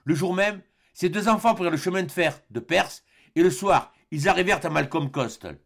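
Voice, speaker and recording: A man narrates a classic adventure novel in a fairly high voice with plenty of gravelly fry. His reading is measured and steady, with the odd small slip. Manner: measured storytelling with small slips. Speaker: audiobook narrator.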